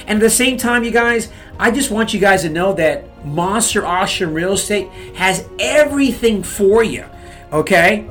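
A man's voice: high voice, lively intonation, moderate pace, fairly bright tone, soft background music. A man giving real estate advice in a motivational talk, fired up, pushing his listeners with repeated "okay?" and "you guys.".

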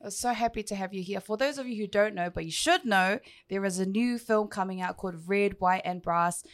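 A woman's voice: mid-range voice, brisk, no room sound, clean studio sound. A woman hosting a podcast, talking in an upbeat, enthusiastic and casual way. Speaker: podcast host. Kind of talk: casual chat. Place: studio.

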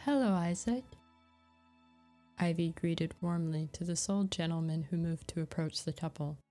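A woman narrating a story in a measured, even reading, with faint music behind. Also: low voice.

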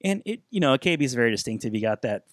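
A man with a medium-pitched voice co-hosts a casual, reminiscing podcast. He chuckles as he talks, and the sound is dry and close. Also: sing-song, very fast, dry recording. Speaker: podcast co-host.

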